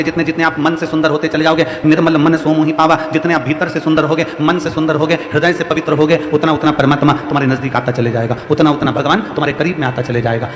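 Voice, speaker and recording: A man's voice: fairly high pitch, a bit bright, slight background noise. Male preacher, central Indian Hindi accent, exhorting, repetitive cadence, echoey live hall. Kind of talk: devotional sermon to a crowd. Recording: echoey hall with faint music.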